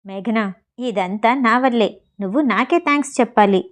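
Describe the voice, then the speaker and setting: A woman's voice: on the high side, moderate pace, close to an everyday voice. A woman reading the lines of a teasing, protective young man in a storybook reading. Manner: teasing, then sharp when annoyed.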